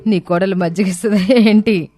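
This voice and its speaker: A woman's voice: medium pitch, a little slow, a little mellow, close to an everyday voice. A woman voicing a snobbish middle-aged city woman in a cartoon, sneering and sprinkling in English words. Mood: mocking.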